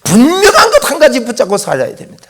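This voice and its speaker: Male pastor, sermon delivery, high voice with lively swoops in pitch, emphatic, jumps from loud calls to hushed asides. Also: quick pace. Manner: emphatic, keeps addressing the congregation directly; swings between loud exhortation and hushed lines. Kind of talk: Sunday morning sermon.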